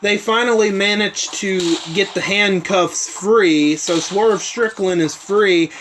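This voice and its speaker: A man's voice: high-pitched, slow pace, a bit bright, a little hiss or hum. A man hosting his own show, recapping events in a rambling casual way with many asides. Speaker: host.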